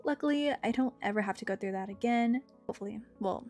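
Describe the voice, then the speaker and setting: Young woman doing a chatty storytime, kinda high voice, soft guitar music behind her. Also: fast talker. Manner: chatty, conversational. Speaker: storyteller narrating own experience. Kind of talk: casual story time narration.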